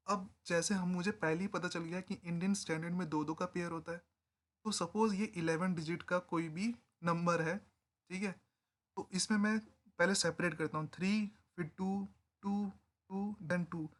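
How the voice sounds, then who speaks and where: A man with a high, slightly bright voice narrates an Excel tutorial. His teaching is informal and conversational, going step by step and often checking in with the viewer.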